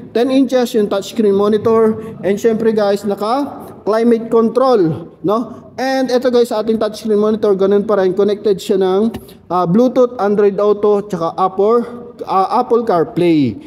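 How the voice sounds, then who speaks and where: A chatty car salesman with a high, mellow voice talks viewers through a vehicle in a showroom. His words ring out with a long reverb off the hard walls, and he keeps tagging his sentences with little questioning asides. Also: measured pace.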